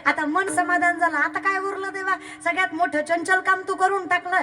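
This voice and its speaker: High-voiced young woman preaching with humor. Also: brisk. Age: young adult. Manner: animated, mimics villagers, teasing. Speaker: kirtan preacher. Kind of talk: devotional sermon with comic asides. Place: large outdoor ground. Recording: long echo from outdoor PA.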